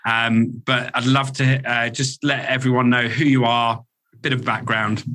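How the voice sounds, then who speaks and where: A podcast host introduces his guest in a jokey, chatty way while talking over a video call, slipping in warm, apologetic asides. His mid-range voice stays level at a normal speed, and the recording is dry.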